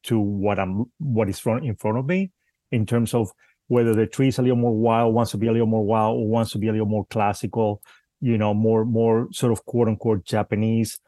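This Cuban-born, Spain-raised bonsai artist talks in a lowish, dark voice with fairly even intonation and a fairly quick pace on a dry recording. Chatting as an interview guest, he's hesitant, frequently restarts his sentences, and laughs readily.

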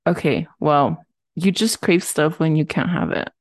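A woman's voice: low voice, big pitch swings, measured pace, no echo. A young woman co-hosting a casual podcast chat, joking and laughing often. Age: young adult. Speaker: podcast co-host.

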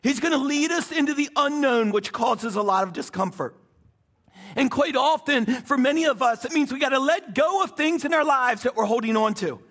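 A man preaching a sermon as pastor, wet and cold, with emphatic rising bursts and soft drops. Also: extremely high pitch, lively intonation, normal speed. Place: church stage.

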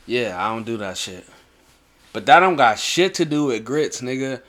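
A man's voice: medium pitch, expressive, moderate pace, a bit bright. A young American man chatting casually in a slangy, swearing, bro-heavy way, like a host talking with a friend. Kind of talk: casual chat.

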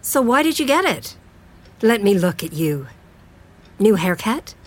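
A woman's voice: mid-range voice, very animated, a little slow. An actress playing an older mother who fusses over her grown son, in an audio drama. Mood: doting.

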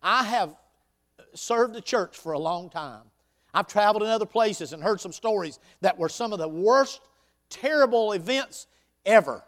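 A man preaching as a pastor, exhorting emphatically and moving between loud declarations and quieter conversational asides. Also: high voice, expressive, normal speed. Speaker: pastor preaching to his congregation. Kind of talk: sermon with scripture reading.

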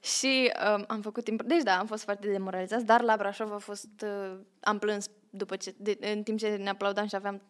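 A woman's voice: medium pitch, little pitch movement, few pauses. A young woman co-hosting a casual podcast, telling stories in a chatty way, laughing often and acting out what others said. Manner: chatty storyteller, laughs often, acts out quotes. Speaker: podcast co-host, theatre troupe member. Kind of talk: casual chat.

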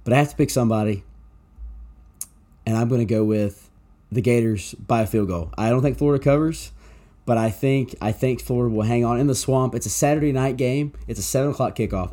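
A man's voice: medium pitch, dark tone. A man co-hosting a sports podcast, giving casual, wry, conversational game analysis.

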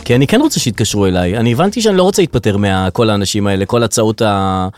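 A man's voice: lowish voice, lively intonation, darkish tone. A man co-hosting a podcast in casual chat, teasing and laughing often. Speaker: podcast co-host.

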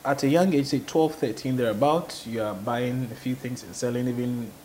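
A man's voice: mid-range voice, moderate pace, darkish tone, slight background noise, rough recording. A man interviewing a guest, attentive and prompting her with frequent short murmurs. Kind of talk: interview conversation.

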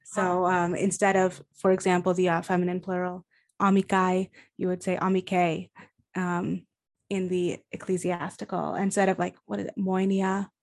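A woman's voice: fairly low pitch, completely flat delivery, moderate pace, a little mellow. A young woman guest, a college graduate, talking enthusiastically in a casual discussion with many fillers. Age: young adult.

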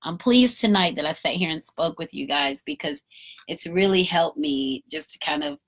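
On her solo podcast, a woman in her fifties reflects candidly, cheering listeners on and swearing casually. Her low, creaky voice swings widely in pitch at a moderate pace.

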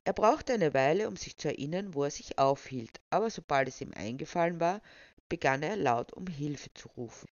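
A storyteller reading a humorous story aloud in a steady, wry manner. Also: medium pitch, moderate pace, no echo. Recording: dull lo-fi dry recording.

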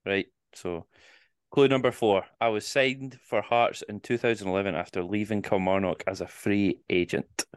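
Scottish guy running a footy quiz, low smooth voice, jokey and teasing. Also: steady tone, normal speed, no echo. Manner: jokey, teasing, reads clues in first person. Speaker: quizmaster. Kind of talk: casual podcast quiz hosting.

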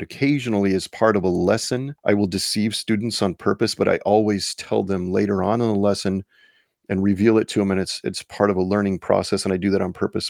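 A man hosting a solo commentary podcast, hoarse after losing his voice, talking earnestly with frequent restarts. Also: lowish voice, a little mellow, no echo, studio quality. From United States. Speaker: podcast host and high school teacher.

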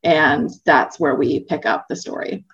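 A woman with a somewhat low voice talks about her gothic novel and reads from it. She sounds eager and bright. The recording is dull and lo-fi. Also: unhurried, creaky, slightly rough. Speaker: author reading her book. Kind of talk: interview chat and book reading.

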